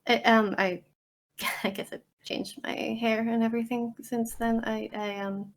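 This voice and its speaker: Woman as a shy young man, hesitant, stammering, gravelly edge to the voice. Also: a little high, flat delivery, measured pace.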